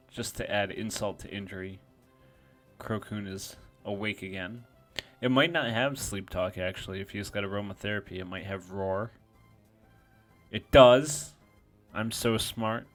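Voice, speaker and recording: A man's voice: fairly low pitch, fairly bright tone. A man giving casual, self-deprecating play-by-play commentary on a competitive game, thinking aloud as he goes.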